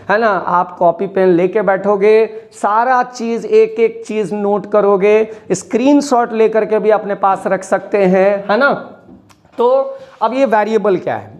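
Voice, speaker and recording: A woman's voice: mid-range voice, a little mellow. Patient woman teaching math. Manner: repeats phrases, asks the class rhetorical questions; switches between Hindi and English mid-sentence. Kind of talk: classroom lesson for children.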